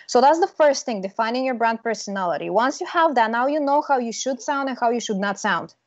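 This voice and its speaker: Brisk and expressive, with a slightly high voice, this young adult woman from Bulgaria works as a branding consultant and is being interviewed casually over video call as a guest. She's confident and emphatic, laughing occasionally. She sits in a small room using an earbud mic, and the dull lo-fi audio has no echo.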